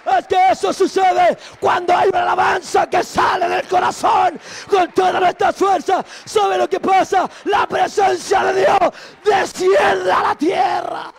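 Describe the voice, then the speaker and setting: An evangelist man preaches at a live church service, his voice very high and gravelly. He shouts his exhortations, peppering them with "aleluya", while a faint congregation murmurs behind him. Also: flat delivery, unhurried, hardly any pauses, some chatter behind, slight background noise. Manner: swings between shouted exhortation and quiet storytelling, frequent "aleluya". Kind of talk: sermon.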